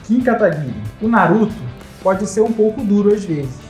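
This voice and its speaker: A Brazilian woman acts as quiz host, reading questions and multiple-choice options aloud. Her voice sits at a middle pitch, echoey, with faint music underneath. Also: expressive, normal speed, a little mellow. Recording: echoey, light music behind.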